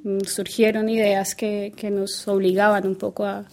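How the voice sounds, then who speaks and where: A woman's voice: mid-range voice, little pitch movement, moderate pace, a little mellow. Woman speaking evenly. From Colombia. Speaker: guest artist. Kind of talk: interview answer.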